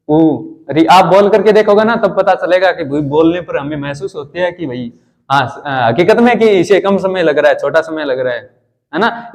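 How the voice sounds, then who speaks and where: A man teaching a grammar lesson, asking the class questions and answering them himself, slowing down to sound out vowels one by one. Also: on the high side, a little mellow. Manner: explains step by step, asks and answers his own questions.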